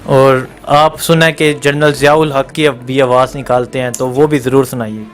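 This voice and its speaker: A man's voice: medium pitch, level tone, soft background music. A man interviewing a guest and presenting to viewers in an upbeat, prompting way.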